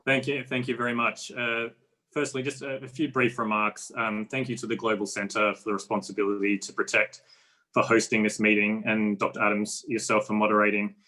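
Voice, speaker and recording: A man, a diplomat, reading prepared closing remarks in a formal, measured way. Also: lowish voice, level tone, bright, forceful tone.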